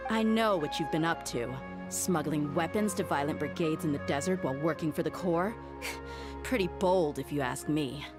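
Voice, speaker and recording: A woman acting a low-voiced, tough mercenary. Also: moderate pace, over music, close to an everyday voice. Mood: confrontational. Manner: curt, commanding, dry. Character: tough, blunt female mercenary, cool and threatening. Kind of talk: scripted video game dialogue.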